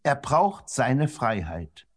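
A man voicing a calm, kind older brother who speaks softly and slowly to comfort his little brother in a children's audiobook. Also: mid-range voice, slightly rough, exaggerated voice. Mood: gentle comforting. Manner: soft, slow and comforting.

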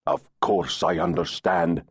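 A man's voice: lowish voice, animated, unhurried, slightly rough, dry recording, studio quality, voice pushed up. A man voicing a stern, controlled Scottish laird in an audiobook, speaking in a clipped, restrained, growling way with a Scottish accent. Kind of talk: audiobook character voice.

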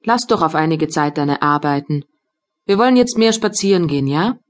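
A gentle, caring young woman, read by a woman narrator who coaxes her partner with quiet worry. The voice sits a little low and stays soft and warm throughout the audiobook dialogue. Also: animated, moderate pace. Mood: tender. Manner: gentle, caring, anxiously coaxing. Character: tender, worried young woman, anxious lover.

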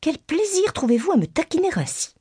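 A woman reading an audiobook, voicing a nervous, easily vexed middle-aged mother with a shrill, complaining voice. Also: a little fast, dry recording, clean studio sound. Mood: exasperated. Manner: shrill complaining, high excited pitch.

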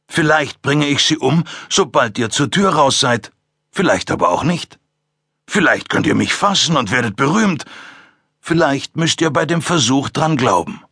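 A man's voice: mid-range voice, creaky, pushed and bright, breathy edge, dry recording, clean studio sound, pitched above the performer's own voice, exaggerated voice. A man voicing a mocking, amused killer. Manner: mocking, taunting, drawn-out delivery. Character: calm amused male serial killer, condescending.

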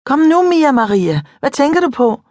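A woman narrator voicing a cheeky, playful young girl in a loud, sing-song, teasing way. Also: high-pitched, very animated, dry recording, clean studio sound, pitched above the performer's own voice. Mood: eager teasing.

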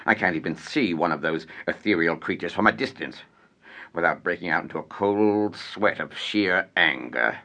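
A man's voice: low voice, moderate pace, bright, forceful tone. An actor playing a blustering, irate male landowner who has come to collect a debt, ranting with theatrical outbursts. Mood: fuming. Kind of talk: stage play acting.

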